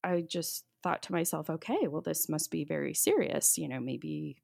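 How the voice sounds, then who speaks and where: Woman, interview guest, low pitch, gravelly, halting storytelling, dry close sound. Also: a little mellow, dry recording. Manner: halting, many restarts and fillers while recounting. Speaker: guest sharing a testimony.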